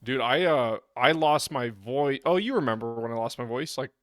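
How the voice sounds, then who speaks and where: A man's voice: medium pitch, animated, moderate pace, fairly bright tone, no room sound, studio quality, faint music behind. A young married man co-hosting a fitness podcast, chatting in an easygoing, self-deprecating way and laughing often. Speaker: podcast co-host. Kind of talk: casual podcast banter.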